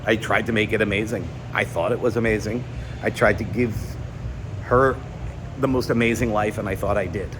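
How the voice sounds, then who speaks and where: A man's voice: fairly low pitch, fairly even intonation, moderate pace, noisy background. A man in his forties, a YouTuber, talking candidly to his viewers in an earnest, confiding way, swinging between emphatic and subdued, standing in a gym. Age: 40s. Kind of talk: candid personal vlog monologue. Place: indoor gym.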